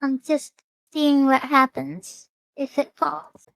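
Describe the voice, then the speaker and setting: A woman's voice: sits high, level tone, slow pace, gravelly, fairly bright tone, no echo, low-quality recording. A young woman streaming a game with a friend, chatting casually with dry, teasing humor. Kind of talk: casual gaming chat.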